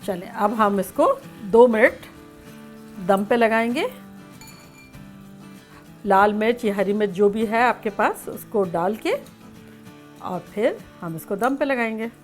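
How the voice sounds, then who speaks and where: A woman's voice: mid-range voice, expressive, slow pace, pauses often, faint music behind. A woman hosting a home cooking demonstration, chatty and playful as she talks through each step. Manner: chatty, playful, sings snatches of songs. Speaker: cooking show host.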